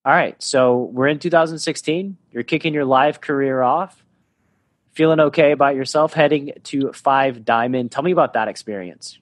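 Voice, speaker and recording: Man, podcast host, easygoing questions, dry close mic, mid-pitched. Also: moderate pace, no echo. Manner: conversational, asks leading questions. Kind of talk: casual interview conversation.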